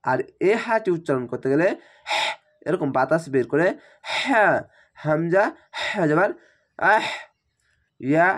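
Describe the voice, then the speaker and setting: A man's voice: a little high, lively intonation, takes it slowly, pauses often. A man teaching Quran recitation letter by letter, patiently spelling out sounds and repeating rules, with a slightly strained voice from feeling unwell.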